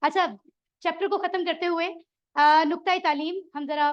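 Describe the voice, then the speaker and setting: A woman's voice: extremely high pitch, fairly even intonation, normal speed, lo-fi sound. A woman teaching a Quran Arabic class, encouraging her students and quizzing them. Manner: encouraging, asks the class questions. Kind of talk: classroom lesson.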